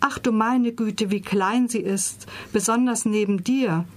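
A woman's voice: fairly high pitch, unhurried. Fussing old village woman, read by a woman. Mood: astonished.

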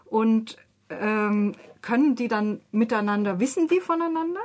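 Relaxed woman host asking questions. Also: on the high side, measured pace. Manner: relaxed, with fillers and light laughs. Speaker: show host. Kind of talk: casual interview chat.

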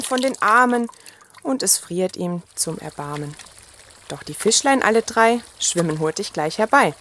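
Lady reading rhyming kids story, medium pitch, bit of noise behind. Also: a bit bright. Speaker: narrator. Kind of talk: rhymed children's story recital.

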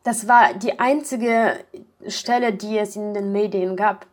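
A woman talking thoughtfully about a project in an interview, pausing often with fillers. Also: mid-range voice, fairly even intonation. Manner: thoughtful, hesitant with many fillers. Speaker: project member. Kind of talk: casual interview talk.

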